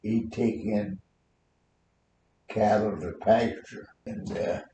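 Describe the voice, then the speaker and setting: Slow, rambling elderly American man reminiscing. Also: steady tone, mellow. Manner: rambling, halting old-timer storytelling. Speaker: war veteran being interviewed. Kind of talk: oral history reminiscence. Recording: roomy echo, faint noise and rumble.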